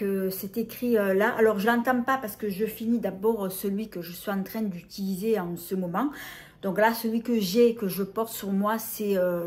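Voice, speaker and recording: A middle-aged woman presenting a casual beauty haul, talking hesitantly with many fillers and restarts. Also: mid-range voice. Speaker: beauty vlogger.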